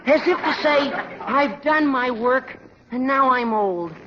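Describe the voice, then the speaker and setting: A man's voice: very high voice, slow, bright, forceful tone, exaggerated voice. An actor, a man playing an earnest, tactless teenage schoolboy with a whiny, awkward delivery in a 1940s radio sitcom. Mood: mournful pity. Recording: muffled old radio, studio audience, hiss.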